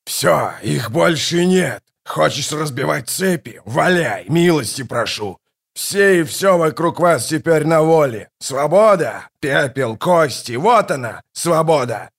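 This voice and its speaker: A man voicing a scornful ancient tyrant king in a dramatized audiobook, contemptuous and rising to furious shouts. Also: mid-range voice, normal speed, lightly acted. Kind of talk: audiobook reading with character voices.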